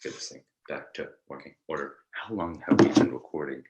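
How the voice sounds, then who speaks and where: A man's voice: very deep voice, a little fast, darkish tone, lo-fi sound. A young man co-hosting a casual podcast chat, rambling through his thoughts with lots of fillers and restarts. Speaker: podcast co-host.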